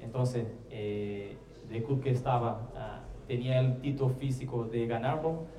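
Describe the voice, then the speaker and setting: Man, Portuguese accent, Spanish-Portuguese mix, mellow dark tone, halting press conference answer, roomy distant mic. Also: medium pitch, fairly even intonation, slight background noise. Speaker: newly signed athlete.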